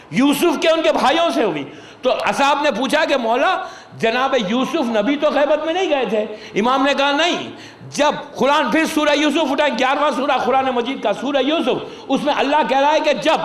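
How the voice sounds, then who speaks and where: A man's voice: very high voice, fairly bright tone. A man with an Indian Urdu accent giving a sermon, explaining with everyday examples, mixing in English words and urging listeners directly. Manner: pleading, urges listeners directly. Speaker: Shia cleric giving a majlis sermon. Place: religious gathering hall. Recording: echoey hall.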